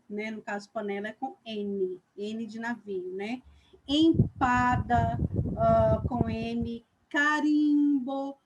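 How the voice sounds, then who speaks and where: A woman with a Brazilian Portuguese accent teaching young children in a live online lesson. She speaks slowly and deliberately, stretches her words, and checks in often with "ok?". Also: on the high side, background noise. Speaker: primary school teacher.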